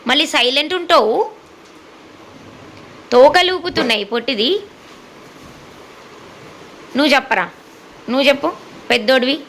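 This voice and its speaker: Woman, high bright voice, slow playful baby talk to her pets. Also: slight background noise, rough recording. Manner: playful, teasing, sing-song coaxing. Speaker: dog owner vlogger. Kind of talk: baby-talking to her dogs.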